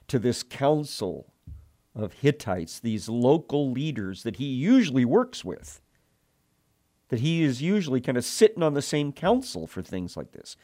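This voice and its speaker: A man's voice: medium pitch, warm tone. A man teaching from the Bible, reading scripture and retelling it in earnest, emotional storytelling.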